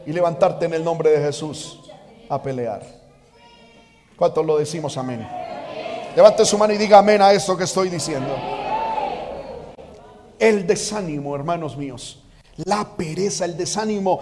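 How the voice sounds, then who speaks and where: Male pastor, sermon delivery, fervent with shouted peaks, long church-hall reverb. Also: extremely high pitch. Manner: fervent, swings from quiet asides to shouted exhortation.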